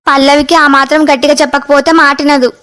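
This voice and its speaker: A woman's voice: sits high, little pitch movement, fairly quick, fairly bright tone. A woman voicing a domineering, self-assured mother-in-law in a cartoon. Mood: bossy. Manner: confident, domineering. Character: bossy middle-aged mother-in-law, sure of herself.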